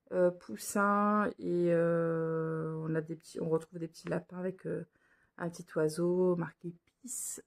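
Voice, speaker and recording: A woman's voice: on the low side, gravelly. A woman presenting cross-stitch patterns in a casual vlog, talking hesitantly with many fillers and restarts, indoors under a lamp. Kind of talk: casual show-and-tell vlog.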